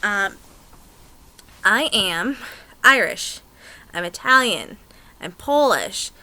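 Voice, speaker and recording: A young American woman chatting to camera in a rambling, excitable way, with many ums. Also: medium pitch, extremely slow, rough recording. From United States. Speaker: pagan vlogger. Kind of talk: casual chat to camera.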